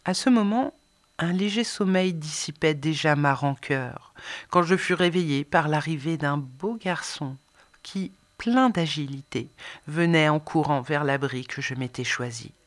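A woman narrating an audiobook in the first person, expressive, swinging between soft and emphatic delivery. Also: sits low, a little slow. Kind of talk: scripted narration.

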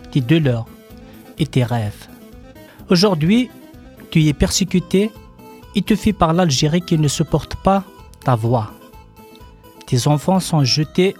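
A man reading a letter aloud in a solemn, measured way. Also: fairly high pitch, darkish tone. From Kabylie.

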